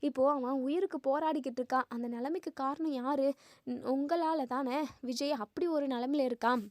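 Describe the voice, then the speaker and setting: Stern older grandmother, read by a woman, firm and scolding, high voice, dry sound. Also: moderate pace, a little mellow, no room sound, close to an everyday voice.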